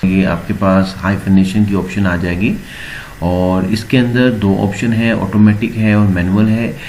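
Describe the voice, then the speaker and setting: A man explaining a word processor step by step in a screen-recorded tutorial, pausing often with filler sounds. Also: on the low side, a little hiss or hum. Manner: steady explaining with frequent filler pauses. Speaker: computer teacher.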